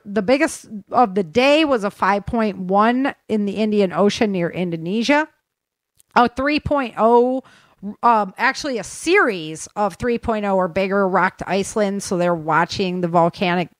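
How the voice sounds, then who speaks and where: This podcast host, an American woman, reads the news in a loose, conversational roundup, addressing listeners directly and dropping opinionated comments. Her voice is mid-range, her pace normal, and the recording dry.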